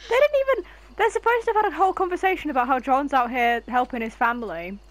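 A young woman giving excitable, casual gameplay commentary, full of swearing and jumpy yelps. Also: high-pitched, fast talker. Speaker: gaming channel host.

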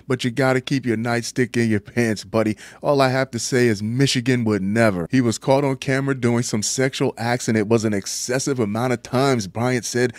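A middle-aged man hosting a satirical crime news show, reading reports flatly and cutting in with crude sardonic jokes. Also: medium pitch, no room sound, clean studio sound. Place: small dark home studio.

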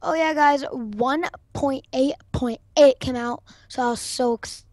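A woman hosting a gaming video, excitable and swearing constantly as she plays and trash-talks opponents on a voice call. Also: sits high, a little slow. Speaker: gaming channel host. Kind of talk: casual gameplay commentary.

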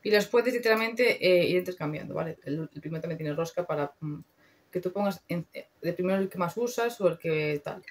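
A woman's voice: lowish voice, brisk. A young woman with a Spain Spanish accent, chatting casually and slangily through a makeup review, swearing freely. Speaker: beauty vlogger.

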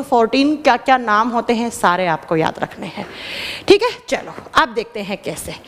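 A woman teacher talks in a lively, fairly high voice. She fires questions at her students and answers them herself. The recording carries a long reverberant tail from the classroom. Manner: animated, addresses students as children, asks and answers her own questions. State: dry throat. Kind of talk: classroom lecture.

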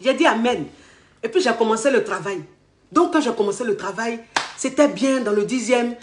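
A woman telling her life story in casual, animated speech, quoting the people she met. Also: on the high side, normal speed, noisy background. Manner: animated retelling with acted quotes. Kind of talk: personal storytelling. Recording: echoey room.

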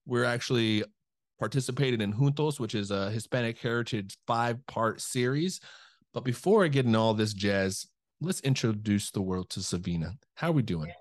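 A middle-aged podcast host interviews a guest over a video call from a room at home, sounding upbeat and friendly as he asks loose, rambling questions. His voice is mid-range at a normal speed, captured through a studio mic with a headset.

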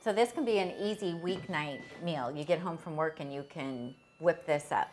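A woman's voice: low voice, moderate pace, darkish tone, a little hiss or hum. A woman in her fifties hosting a cooking show in a studio kitchen, chiming in with short encouraging remarks. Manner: brief encouraging interjections. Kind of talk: casual chat. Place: studio kitchen set, indoors.

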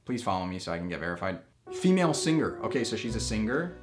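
A young man hosting a casual vlog, jokey and quick to swing from loud excitement to mumbled asides. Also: on the low side, faint music behind. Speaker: vlogger host.

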